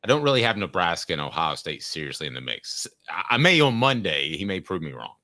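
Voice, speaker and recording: A man hosting a sports talk show, chatting casually and thinking aloud in a measured way. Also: low voice, very animated, bright, forceful tone, dry recording.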